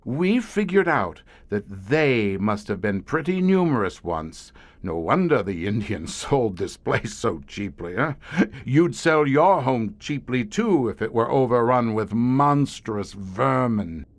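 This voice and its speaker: A man acting in an audio horror drama takes the role of a grim monster hunter with long experience. His slow, deliberate, sing-song delivery ranges widely in pitch, and his ornate, haunted phrasing carries a dry, wry touch.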